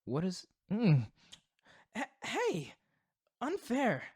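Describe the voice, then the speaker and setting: A man acts out a proud young supervillain boyfriend for an ASMR roleplay. His delivery is slow and theatrical, with big swings in pitch. Under the villainous pomp he is teasing, doting and easily flustered. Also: wildly swooping pitch, a little mellow, husky, full character voice.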